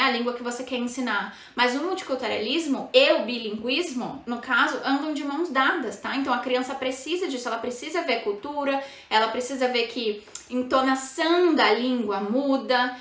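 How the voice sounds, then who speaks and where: High, bright-voiced Brazilian woman. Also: roomy sound. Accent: Brazilian Portuguese. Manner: chatty, lots of tag questions and fillers. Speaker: bilingual parenting educator. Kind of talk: casual explanatory talk to parents.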